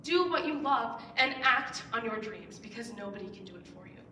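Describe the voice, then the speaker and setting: A young woman in her late teens gives an earnest persuasive speech as a student on a school stage. Her voice is bright and fairly high, and she pushes key words up with emphatic rises. She sounds a little far from the mic, in a roomy, echoing hall. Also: animated, normal speed, a little hiss or hum. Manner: earnest, with emphatic rising stresses. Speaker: student speaker. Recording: roomy echo, heard from some distance.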